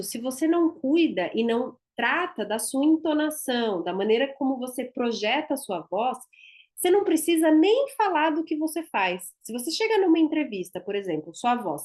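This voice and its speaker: A woman with a Brazilian Portuguese accent, a dentist teaching a class in a chatty, emphatic way and often tagging her sentences with "né?". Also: on the high side. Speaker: instructor and dentist.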